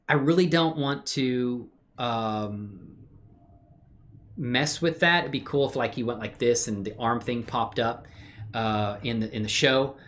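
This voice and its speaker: In a mid-range, slightly bright voice, a man hosts a casual stream where he warmly welcomes viewers. As he screen-shares his hobby 3D animation, he rambles and mutters in playful slang.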